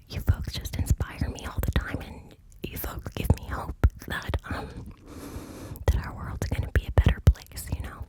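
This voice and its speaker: A woman whispering into cupped hands close to the mic, ear to ear, in a hesitant, informal ASMR ramble. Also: rough recording. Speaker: ASMR content creator. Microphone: close microphone, ear to ear.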